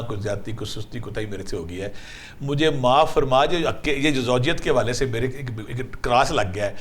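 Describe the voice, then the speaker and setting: A man giving spiritual and numerology advice to callers in a lively, storytelling way. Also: medium pitch. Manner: storytelling, calls callers 'daughter' and 'son', lists recitations. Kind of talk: animated call-in advice.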